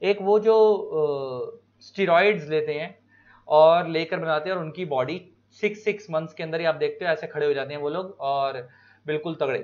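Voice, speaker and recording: High-voiced Indian man teaching a lesson. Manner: explains slowly with examples, stretches key words. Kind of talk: classroom lecture to students. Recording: dull lo-fi recording.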